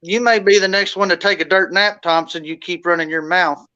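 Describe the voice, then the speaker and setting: A man, a wrestling guest, trash-talking in a fast, mumbled drawl that is hard to follow. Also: high-pitched, steady tone, sharp tone, muffled recording. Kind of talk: trash talk.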